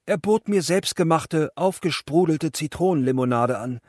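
Male audiobook narrator, self-mocking, lively telling, slightly high voice, dry close sound. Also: normal speed, dry recording.

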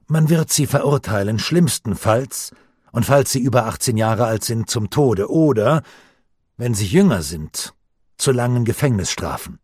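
A man's voice: medium pitch, expressive, a little slow, a little mellow, breathy edge, dry recording, clean studio sound. A man voicing a stern middle-aged uncle, firmly lecturing his nephew in a commanding tone.

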